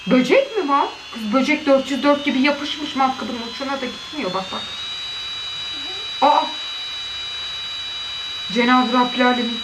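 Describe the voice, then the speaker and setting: A woman's voice: high-pitched, animated, unhurried, pauses often. A woman giving casual reaction commentary on funny videos, chatting and cooing doting exclamations at what she watches. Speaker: video creator. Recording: echoey room with faint noise.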